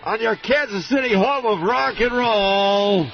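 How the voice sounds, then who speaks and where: A male radio host talking through a cardboard tube as a mock announcer in a comedy bit, sometimes shouting. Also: high voice, a little slow, gravelly. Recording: muffled radio audio with music bed.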